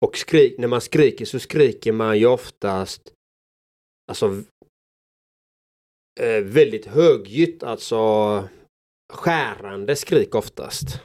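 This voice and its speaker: Calm man explaining on a podcast. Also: fairly low pitch, long pauses. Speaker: podcast co-host. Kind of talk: casual podcast conversation.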